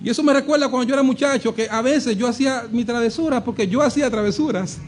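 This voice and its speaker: A male pastor preaches in a strikingly high voice. He acts out the voices he quotes, drops to a hush, then rises to a shout. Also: fast talker, a little hiss or hum. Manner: animated preaching, acting out quoted voices, shifting between hushed and shouted. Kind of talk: sermon.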